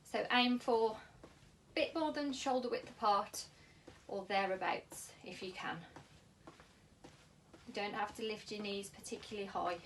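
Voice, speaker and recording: Female fitness instructor, British, careful and unhurried delivery, mid-pitched voice, noticeable background noise. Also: recorded from a distance. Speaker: exercise class instructor. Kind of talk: spoken exercise instruction to camera. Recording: clearly noisy room ambience.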